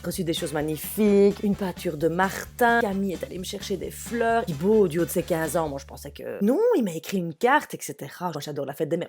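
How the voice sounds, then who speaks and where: A woman comedian in her forties telling a chatty, exasperated comic monologue to an unseen therapist. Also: lowish voice. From Belgium. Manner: chatty, exasperated, animated storytelling.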